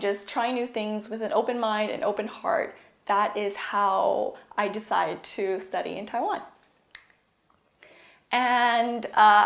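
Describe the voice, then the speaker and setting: A young woman from California talks through a presentation in a loose, casual way, filling pauses with "um" and "like". Her voice sits at an ordinary middle pitch. It bounces around an echoey room. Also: creaky. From California, USA. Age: young adult. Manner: casual, uses "like" and "um" often. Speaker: university student. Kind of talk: presentation talk.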